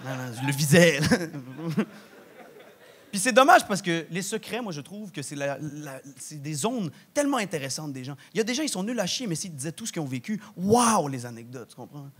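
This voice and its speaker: A young man with a broad Québécois accent works through a stand-up set, his voice sitting high for a man. He talks in a loose, slangy, animated way and drops Quebec swears throughout. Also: normal speed, husky. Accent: Québécois French. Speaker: stand-up comedian. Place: large theatre stage with live audience.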